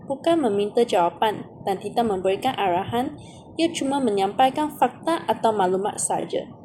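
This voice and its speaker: A woman, reading a grammar explanation aloud in a steady, methodical way. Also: on the high side, slight background noise. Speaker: student presenting an assignment.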